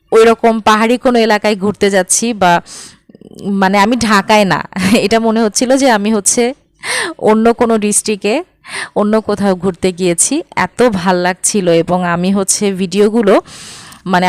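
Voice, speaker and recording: A woman's voice: mid-range voice, dry recording. A young woman from Bangladesh chatting as a travel vlogger, full of fillers and coaxing her viewers. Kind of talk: casual travel vlog narration.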